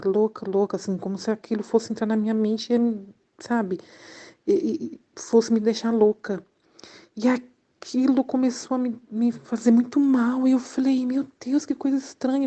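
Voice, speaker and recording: A woman's voice: fairly high pitch, dark tone. A middle-aged woman with a Brazilian Portuguese accent giving an earnest, emotional religious testimony, repeating herself and addressing the listener as sister. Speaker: church member giving testimony.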